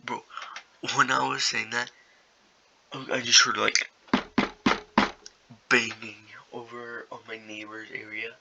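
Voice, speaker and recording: A man's voice: mid-range voice, level tone, takes it slowly, vocal fry, pauses often, very noisy. A young man casually improvising a story, rambling and slangy, with many fillers.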